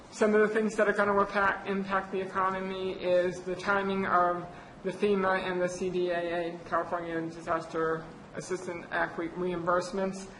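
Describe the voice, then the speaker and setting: A county budget presenter gives her public meeting presentation in a low-ish, flat voice, hesitating constantly with fillers and restarts. The board meeting room sounds like an echoey chamber, with an air conditioner humming in the background.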